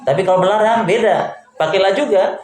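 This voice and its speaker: A man's voice: sits high, a little fast, darkish tone. A male teacher giving a classroom grammar lesson. He quizzes his students and repeats their answers back to them. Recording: echoey room, faint background hum.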